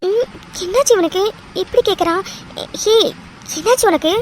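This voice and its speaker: A playful young bride-to-be in a cartoon, teasing and affectionate, full of little exclamations, voiced by a woman. Her voice sits very high, with a faint hiss of background noise underneath. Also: expressive, normal speed. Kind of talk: cartoon voice dub.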